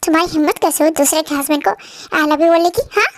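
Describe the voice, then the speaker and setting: A woman voicing a jealous, sharp-tongued young wife in an amateur fan dub, scolding and confrontational. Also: sits high, quick pace, no room sound, studio quality, lightly acted. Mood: accusing.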